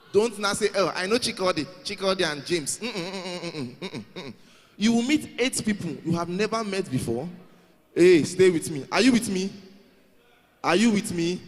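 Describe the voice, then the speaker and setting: A man hosting a live youth event in a large hall, coaxing and calling out to the crowd. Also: high-pitched. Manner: coaxing, calls out to the crowd, repeats himself.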